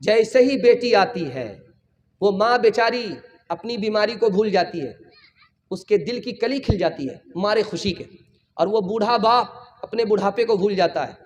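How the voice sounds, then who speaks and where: A man's voice: sits high, animated. A man preaching a religious sermon at a public gathering, impassioned, repeating phrases and calling on the crowd to raise their hands.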